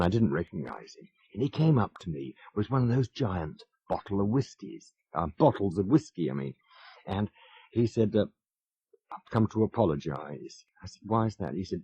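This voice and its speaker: A man's voice: deep voice, warm tone, breathy edge, dry recording. A man in his fifties telling wry, self-mocking stories as a radio presenter, chuckling as he goes. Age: 50s. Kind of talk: anecdotal radio chat. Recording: muffled old radio broadcast.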